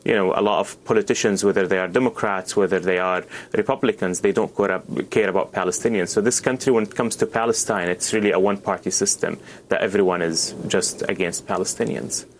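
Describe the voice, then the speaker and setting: A man's voice: sits low, fairly even intonation, a little fast, hardly any pauses, a little hiss or hum. A young man from Syria, not an English speaker, answering interview questions earnestly with many restarts and fillers. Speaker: guest.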